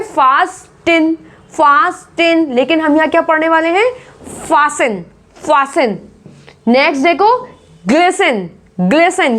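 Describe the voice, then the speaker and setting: Lady teaching english words, high voice, keeps asking then answering herself. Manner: drills words, asks and answers her own questions. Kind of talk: spoken English lesson.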